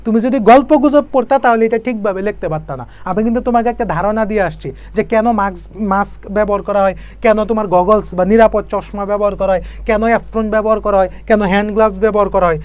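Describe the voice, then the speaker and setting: Fast-talking woman teacher. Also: mid-range voice, fairly even intonation, darkish tone, clear, resonant tone. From Bangladesh. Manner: explains step by step, keeps asking students rhetorical questions. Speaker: chemistry teacher. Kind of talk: online exam-prep lesson.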